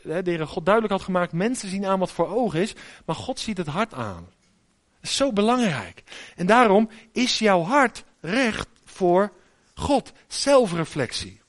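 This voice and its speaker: A middle-aged man preaching a sermon in a conversational, storytelling way, often asking the listeners direct questions. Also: sits high.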